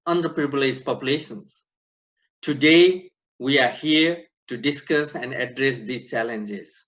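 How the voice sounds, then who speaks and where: A man from Nepal, president of an organization, giving a slow, earnest prepared welcome speech to an online conference. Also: a little high, fairly bright tone. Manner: slow, deliberate, earnest delivery. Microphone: video call. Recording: dull lo-fi online conference audio.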